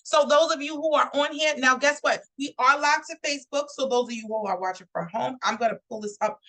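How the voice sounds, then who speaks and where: A woman's voice: sits high, brisk, a bit bright, rough recording. A woman from New York hosting a live online talk show, upbeat and chatty, speaking straight to her viewers. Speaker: host.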